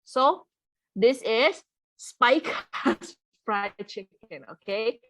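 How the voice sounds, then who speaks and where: Brief: woman language tutor on a video call, slow and patient, lively pitch, dry close sound. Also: no room sound. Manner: patient, repeats words and checks with "okay?". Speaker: online Mandarin tutor. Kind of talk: live online language lesson.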